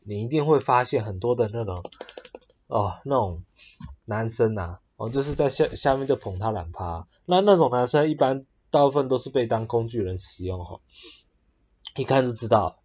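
A man hosting a podcast monologue, halting and full of fillers and restarts. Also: medium pitch, expressive, darkish tone, breathy edge, dull audio. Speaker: podcast host. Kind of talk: casual monologue.

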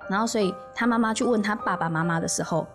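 Taiwanese woman on a chatty podcast, telling a creepy story all animated, laughing a bit, mid pitch, faint music under it. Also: fast. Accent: Taiwanese Mandarin. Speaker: podcast host. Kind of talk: casual storytelling.

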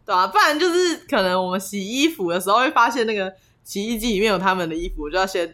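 A woman co-hosts in a casual, conversational way. She talks quickly, and her voice is bright and forward. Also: mid-range voice, expressive. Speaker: podcast co-host. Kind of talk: casual chat.

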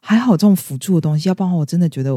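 A young woman in her twenties chats at a brisk clip on a podcast and tells a personal story. She acts out the quoted lines in bright, raised voices. Her voice sounds close and dry. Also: lowish voice, expressive, no room sound. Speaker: podcast co-host. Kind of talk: casual storytelling chat.

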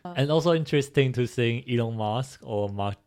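Male co-host, mid pitch, halting English, casual. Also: a little mellow. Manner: halting non-native English, laughs often. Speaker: podcast co-host. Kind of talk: casual discussion.

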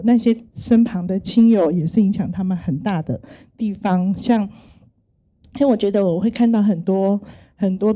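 Brief: middle-aged woman, Taiwanese Mandarin accent, very mellow dark tone, unhurried reflective storyteller. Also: medium pitch. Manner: gentle, thoughtful, many soft fillers. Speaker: speaker sharing work stories.

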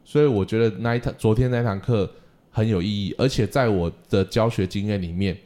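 Fast-talking low-voiced man telling stories. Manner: animated storytelling, acts out crying kids in a high voice. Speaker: podcast co-host, music teacher. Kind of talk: casual podcast chat.

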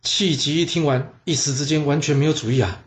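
A man narrating a history story in a lively, dramatic way. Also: a little high, a little fast.

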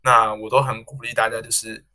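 A man's voice: on the low side, little pitch movement, brisk, sharp tone. A man co-hosting a casual podcast chat, giving reflective, encouraging advice with joking asides.

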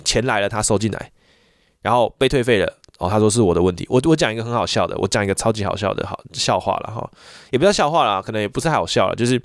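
A man's voice: mid-range voice, no echo, studio quality. A man, a voice teacher, ranting in a casual monologue full of repeats and restarts. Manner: animated, repetitive ranting with frequent restarts.

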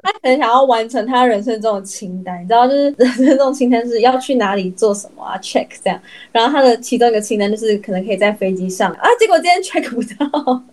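A woman's voice: fairly high pitch, animated, quick pace, a little mellow. A young adult woman hosting a podcast, chatting casually and making teasing comments. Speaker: podcast host. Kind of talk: casual chat.

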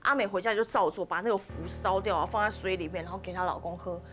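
A woman's voice: medium pitch, fast talker, faint music behind. A woman with a Taiwanese Mandarin accent, a podcast host telling a ghost story casually and acting out the characters' lines. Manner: animated, acts out the characters' lines.

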